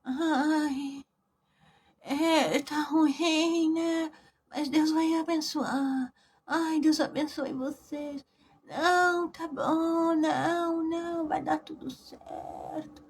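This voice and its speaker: A whiny, self-pitying woman patient sighs into her phone, put on by a woman teacher. She speaks softly and slowly in a raised, fragile voice with a Brazilian Portuguese accent. Every phrase drips with pity for herself. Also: high voice, level tone, voice pushed up, full character voice. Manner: soft, sighing, self-pitying.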